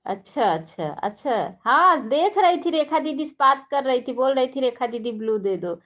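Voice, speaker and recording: A high-voiced young woman chatting on a live stream while doing her household chores. She greets each viewer by name in a friendly, running patter and talks casually throughout. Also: expressive, normal speed, a bit bright.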